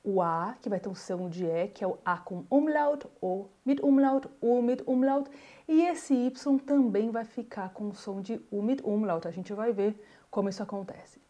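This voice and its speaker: A woman, teaching a German pronunciation lesson and saying example words slowly and repeating them. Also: medium pitch, mellow, muffled recording.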